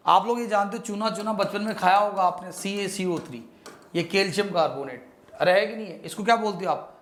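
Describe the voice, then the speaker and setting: A man giving a quick-fire chemistry revision lecture, mixing Hindi with English phrases and cracking playful jokes to help students remember. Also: high-pitched, a bit bright. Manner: playful, jokey mnemonics, calls students beta. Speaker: chemistry teacher. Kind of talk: fast-paced exam revision lecture.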